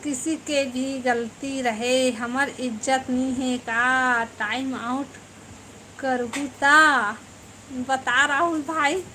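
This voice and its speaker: A woman's voice: high-pitched, steady tone, very slow, sharp tone, slight background noise. A woman with a Chhattisgarhi accent hosting a casual live stream, teasing and bantering with viewers by name.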